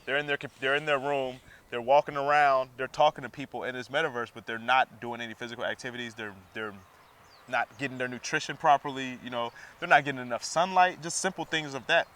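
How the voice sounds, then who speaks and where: Male co-host, casual, bright and forceful, keen to explain. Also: medium pitch, steady tone, fast talker. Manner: enthusiastic, explanatory, laughs easily. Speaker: podcast co-host. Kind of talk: casual chat.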